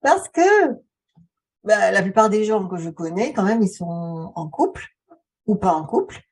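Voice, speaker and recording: A woman hosts a casual video, speaking straight to the viewer from a little way off the mic. Her voice is soft-edged, dark and somewhat husky, at a middle pitch. She talks in a halting, conversational way and leans on rhetorical questions. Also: expressive, recorded from a distance. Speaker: video channel host, author and relaxation therapist. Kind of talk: casual vlog talk addressed to the viewer.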